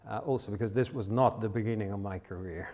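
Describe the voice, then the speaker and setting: An older man, the guest lecturer, speaks in a fairly low voice to a public audience in a lecture hall. His phrasing is non-native, and he often restarts his sentences as he explains. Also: fast, a little mellow.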